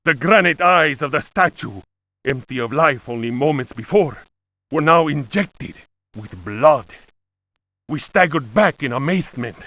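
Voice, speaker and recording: A man's voice: on the high side, expressive, a little slow, bright, forceful tone, no room sound, exaggerated voice, low-quality recording. A man playing a pompous, horrified Spanish lieutenant narrating a journal in a horror game, with hammy, overwrought bad acting. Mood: mounting horror. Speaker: narrator reading old books in a video game.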